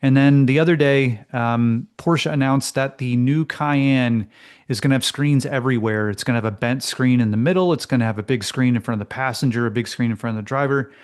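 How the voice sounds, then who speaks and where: A man's voice: mid-range voice, a little fast, clear, resonant tone. A man co-hosting a casual car talk show, telling a story with lots of fillers. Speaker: co-host. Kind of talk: casual chat.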